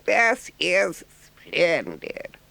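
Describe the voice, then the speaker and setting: Conceited toad gentleman, very high swooping voice, excitable, gushing, theatrical storybook character. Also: very slow, vocal fry, full character voice. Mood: overjoyed. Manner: gushing, theatrical, grandly emphatic. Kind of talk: audiobook character voice.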